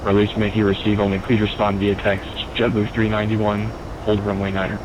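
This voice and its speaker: A man speaks as an air traffic controller on the radio, rattling off clipped instructions at a quick clip in a low voice. The delivery stays procedural, with clear aircraft noise behind it. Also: monotone. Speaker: air traffic controller on online flight simulation network. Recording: noisy radio with aircraft drone.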